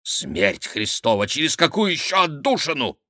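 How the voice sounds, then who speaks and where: A man's voice: fairly high pitch, big pitch swings, moderate pace, bright, forceful tone, no echo, studio quality, pitched above the performer's own voice. A man voicing an impatient, demanding thin male jester who questions sharply in an audiobook.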